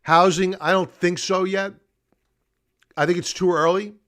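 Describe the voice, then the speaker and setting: A middle-aged man hosts a live market analysis stream, chatting to viewers in unscripted commentary. His voice is high-pitched and a bit bright, with fairly even intonation and a slightly slow pace. He explains things off the cuff in a conversational, stop-and-start way.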